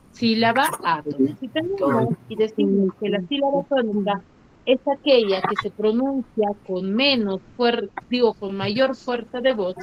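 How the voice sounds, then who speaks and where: A woman teaching an online class, quizzing pupils and stretching out syllables for emphasis, heard over a video call mic. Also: on the high side. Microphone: computer mic on a video call. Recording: slightly muffled online call audio.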